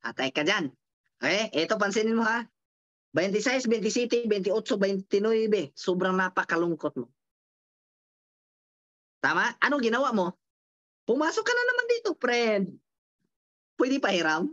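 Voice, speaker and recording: A woman giving a lively motivational seminar talk, repeating phrases and checking in with her listeners through quick rhetorical questions. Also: mid-range voice, no echo, highs cut off. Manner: repeats and counts out phrases for emphasis. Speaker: motivational speaker.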